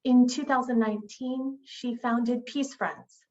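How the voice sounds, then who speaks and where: A woman's voice: a little high, fairly even intonation, unhurried, a little mellow, dull audio. A woman moderating a webinar, politely introducing the next panelist. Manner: polite, slightly flustered with screen sharing.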